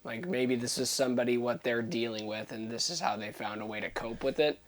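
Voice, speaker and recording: A man's voice: medium pitch, steady tone, brisk. A man co-hosting a casual film talk show, sharing his take in an easygoing, thoughtful way. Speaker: podcast co-host.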